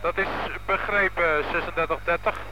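A man's voice: high-pitched, steady tone, moderate pace. A man at a police command post, giving orders over a walkie-talkie in clipped radio procedure, closing with "over". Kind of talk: two-way radio traffic. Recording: crackly archival radio transmission.

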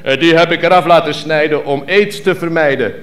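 A man's voice: fairly high pitch, brisk, a bit bright, voice pushed up, natural voice. A man voicing a crude, swaggering army colonel in a performed poem. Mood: brash.

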